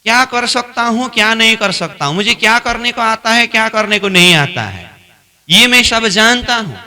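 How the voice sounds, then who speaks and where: A man with a high, expressive voice speaks at a moderate pace while leading a spiritual training class. He repeats his points, puts questions to the class, and plays both sides of an argument, growing louder as the exchange escalates.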